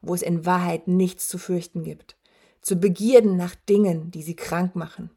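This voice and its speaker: A woman's voice: on the low side, steady tone, normal speed, dark tone. A woman voicing a huge, dying male werewolf who taunts with a rattling, wheezing voice. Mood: gloating menace. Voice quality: rattling, rasping voice. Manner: taunting, gloating. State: wheezing, labored breath.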